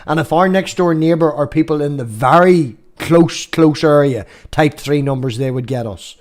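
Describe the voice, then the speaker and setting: A man's voice: a little high, moderate pace, a little mellow. Chatty, rambling man in his thirties. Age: 30s. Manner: rambling storyteller who swears freely. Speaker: stream host. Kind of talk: casual chat.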